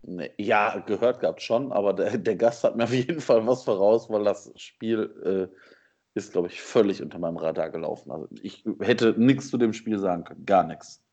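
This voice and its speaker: A man with a husky voice chatting casually as a podcast co-host. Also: lowish voice, normal speed, a little mellow. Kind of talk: casual chat.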